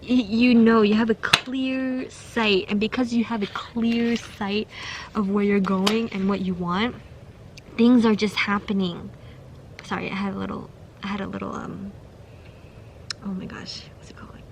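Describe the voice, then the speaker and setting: A woman's voice: mid-range voice, steady tone, measured pace, background noise. Chatty young woman reading tarot cards. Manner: chatty, giggly, full of fillers and restarts. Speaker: tarot reader. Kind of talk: casual pick-a-card tarot reading.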